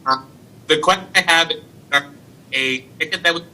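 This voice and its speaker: A male reporter asking a question over a video call whose audio keeps breaking up, speaking haltingly with many fillers. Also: fairly high pitch, sharp tone. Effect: choppy audio from a breaking-up video stream. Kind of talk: press conference question.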